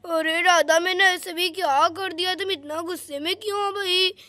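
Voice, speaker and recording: A drowsy, clumsy husband, played by a woman, who pleads and coaxes in a bright, high voice. It is dry and close, a homemade doll story. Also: steady tone, normal speed, no echo. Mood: pleading. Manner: drowsy, coaxing, apologetic.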